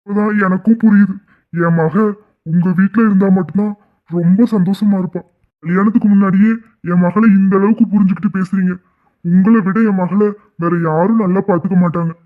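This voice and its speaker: For a cartoon, a man voices a humble, grateful middle-aged father who drives an auto-rickshaw, speaking with emotion. His natural voice sits high, brisk, with fairly even intonation, and the audio is tinny, like a phone.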